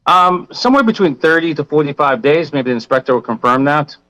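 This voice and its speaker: A man's voice: a little high, animated, fairly quick, pushed and bright, no room sound, poor audio. Plain-spoken Boston man, dry close sound. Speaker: contractor. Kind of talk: informal testimony at a hearing.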